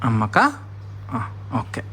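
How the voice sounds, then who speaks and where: A man's voice: takes it slowly, sharp tone, a little hiss or hum. A father, chatting at home with his toddler, coaxing and scolding by turns and repeating words for her. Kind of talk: casual family chat with a toddler.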